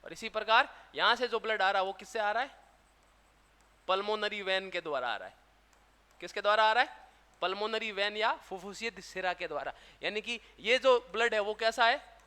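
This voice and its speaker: A man with a very high, bright voice lectures with a Rajasthani Hindi accent, asking a question and then answering it himself. His voice rings out with a long reverb, like a big lecture hall. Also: moderate pace, smooth. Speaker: teacher. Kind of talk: classroom lecture.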